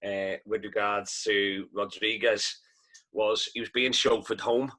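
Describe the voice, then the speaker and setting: A man's voice: on the low side, steady tone, a little slow, sharp tone, poor audio. A man chatting about football on a podcast in an easygoing way, often tagging questions onto his points. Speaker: podcast panelist. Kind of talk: casual football chat.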